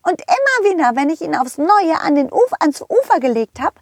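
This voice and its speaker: A woman's voice: normal speed, no room sound, studio quality, full character voice. A woman voicing a playful, teasing female pink horse in a children's audio story. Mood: chatty. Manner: teasing, giggly, high and excited.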